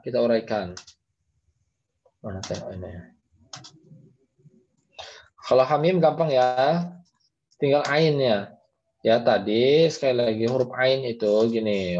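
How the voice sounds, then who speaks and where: A man's voice: mid-range voice, a little mellow, slight background noise. A man, teaching Quran recitation in an online class, patiently explaining and modeling the readings aloud. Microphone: video call. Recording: dull lo-fi video call audio.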